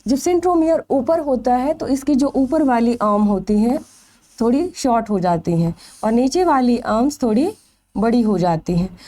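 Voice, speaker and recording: Woman, biology teacher, lively high voice with a mellow tone, quizzes the class and answers herself. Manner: asks questions then answers them herself, stretching key terms. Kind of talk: exam-prep lecture.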